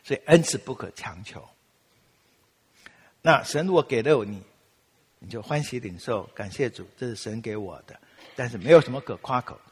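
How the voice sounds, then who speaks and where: A man's voice: medium pitch, normal speed, long pauses, slightly rough, long reverb tail. A man from Taiwan with a Taiwanese Mandarin accent, preaching a sermon and telling stories, acting out quoted voices. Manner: animated, acts out quotes with laughs. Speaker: pastor. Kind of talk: sermon with storytelling.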